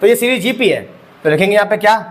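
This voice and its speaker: High-voiced, expressive and quick, a young man delivers an exam-prep maths lecture. He leads students through every step with rhetorical questions, calling them "bhai sahab."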